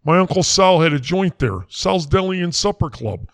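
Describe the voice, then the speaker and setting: A man's voice: sits high, animated, normal speed, gravelly, dry recording. A man playing a blustering, folksy quack doctor, rambling in a comedy sketch. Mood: boastful. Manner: rambling, brash, folksy slang.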